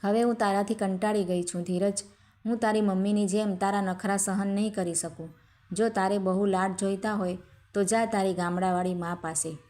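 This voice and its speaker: A woman's voice: medium pitch, steady tone, moderate pace, lightly acted. A woman voicing a spoiled, contemptuous young wife from a rich family in a told story. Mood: fed up. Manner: contemptuous, sharp-tongued.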